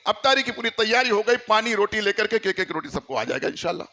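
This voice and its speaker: A man's voice: high-pitched, sing-song, quick pace, pushed and bright. A man from India preaching a storytelling sermon, emphatic and exhorting his listeners.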